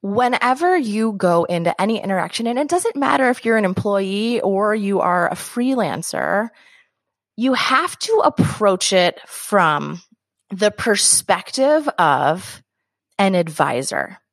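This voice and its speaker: A woman's voice: medium pitch, lively intonation, unhurried, no room sound, clean studio sound. A woman from New Jersey, an author guest on a podcast, talking enthusiastically and acting out little quoted voices. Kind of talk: podcast interview.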